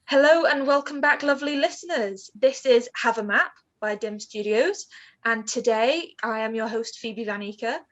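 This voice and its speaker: Upbeat woman podcast host, higher voice. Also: normal speed, a bit bright, muffled recording. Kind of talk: podcast hosting.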